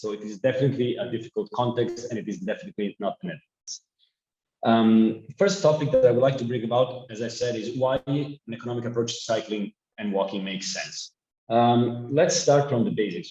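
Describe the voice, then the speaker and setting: An Italian man with an Italian accent gives an earnest online conference talk, restarting often. His medium-pitched, darkish voice comes through a video call that sounds echoey and muffled.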